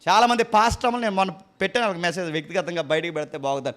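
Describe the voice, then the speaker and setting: High-voiced preacher scolding his flock. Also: steady tone, racing, fairly bright tone. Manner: scolding, mocking rhetorical questions to the congregation. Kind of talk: sermon.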